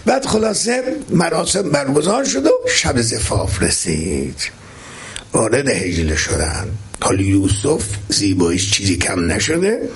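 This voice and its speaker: A man's voice: medium pitch, slightly rough. A male preacher giving an impassioned religious sermon and telling a story, rising to emphatic peaks.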